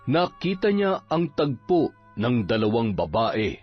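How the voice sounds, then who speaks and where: A man narrating a horror story in a dramatic, expressive reading style. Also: mid-range voice, takes it slowly, faint music behind. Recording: dull, muffled recording.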